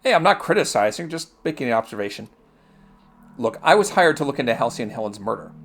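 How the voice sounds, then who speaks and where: A man's voice: medium pitch, sing-song, fast talker, fairly bright tone. A man playing a detective game aloud, asking questions and tossing in wry jokes. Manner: wry, joking asides. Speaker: game player and commentator.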